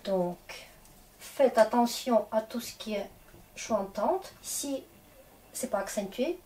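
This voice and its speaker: A woman's voice: on the high side, animated, takes it slowly, mellow, far from the mic. A woman teaching a grammar lesson in a casual, chatty way, often checking in with her students to encourage them. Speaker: Russian teacher.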